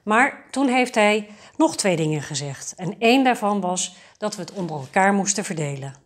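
A woman voicing a dim middle prince in a storybook tale, making flat, glum remarks. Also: mid-range voice, normal speed, close to an everyday voice.

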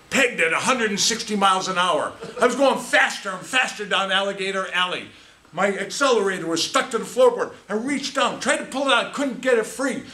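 A speech contest competitor, an American man in his sixties, tells a theatrical tall tale to a live audience, dramatic and emphatic with deliberate pauses. His voice is fairly high-pitched and fairly bright. He's recorded in a small indoor meeting room by a camera a few meters away, giving an echoey sound with faint noise.

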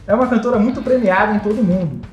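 A Brazilian woman acts as quiz host, reading questions and multiple-choice options aloud. Her voice sits at a middle pitch, echoey, with faint music underneath. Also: very fast, a little mellow, dull audio. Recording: echoey, light music behind.

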